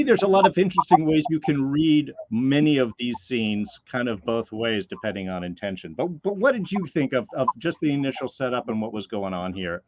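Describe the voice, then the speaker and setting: A man's voice: mid-range voice, highs cut off, slight background noise. A man hosting a casual review podcast, rambling and hedging with lots of fillers. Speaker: podcast host.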